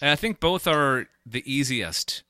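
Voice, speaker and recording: A man's voice: medium pitch, animated, measured pace, bright, forceful tone, smooth, no room sound. A man hosting a casual chat show, joking around with his co-hosts. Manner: jokey, puts on a mock old-fashioned accent at the start. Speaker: podcast host.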